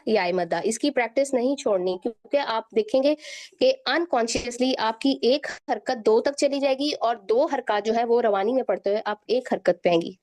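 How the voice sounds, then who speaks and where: A woman's voice: on the high side, a little mellow. A woman teaching Quran recitation, patiently drawing out the example sounds and checking in often. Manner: patient, drawn-out example sounds, frequent "theek hai". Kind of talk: tajweed lesson.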